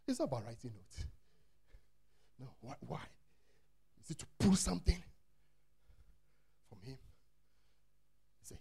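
A man's voice: on the high side, mellow, breathy edge. A man preaching a sermon in a church, emphatic, repeating words and firing off rhetorical questions. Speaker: pastor.

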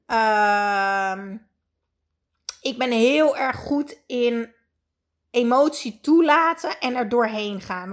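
A woman coach leads a live session in a fairly high voice. She speaks earnestly and reflectively, pausing often with hesitations. She talks directly to the viewers. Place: indoors at home.

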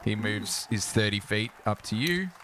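A man narrating a tabletop game as game master, animated and full of fillers. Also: lowish voice, normal speed, some chatter behind, slight background noise.

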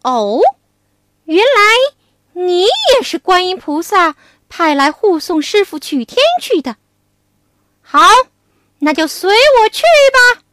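A woman voicing a boastful monkey king hero who shouts loud, quick and cocky. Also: very high-pitched, big pitch swings, no room sound, clean studio sound, voice pushed up, heavily acted.

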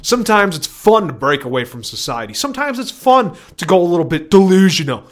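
A man talks alone on his own broadcast, free-associating in loops and asking himself question after question. His voice sits a little high for a man and lurches from near-shouts down to muttering, now and then drifting away from the mic. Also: sing-song, fairly quick. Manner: erratic, swings from shouting to mumbling. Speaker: solo broadcaster. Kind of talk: rambling stream-of-consciousness monologue.

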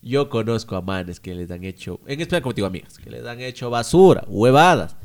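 Young guy on a podcast, super expressive, slangy, swears a lot. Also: medium pitch, brisk. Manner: animated, slangy, swears freely. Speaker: podcast co-host. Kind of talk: casual chat.

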